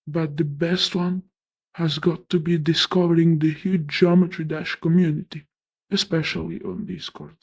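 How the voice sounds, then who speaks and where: High pitch-shifted voice-changer man. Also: flat delivery, normal speed, gravelly, breathy edge, highs cut off. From Italy. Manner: shy, reading a prepared script. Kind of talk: scripted interview answer.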